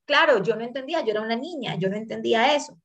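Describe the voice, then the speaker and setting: A woman in her thirties with a Colombian accent, a guest in an interview telling her life story in an earnest, animated way and acting out what people said. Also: fairly high pitch, rapid-fire. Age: 30s. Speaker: guest, tango dancer.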